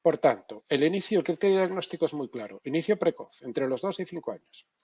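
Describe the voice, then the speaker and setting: A middle-aged man lecturing in a masterclass, animated and emphatic, often checking in with his listeners. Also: on the high side, fairly quick, breathy edge, dry recording, dull audio. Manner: animated, emphatic, tag questions. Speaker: neuropsychology lecturer.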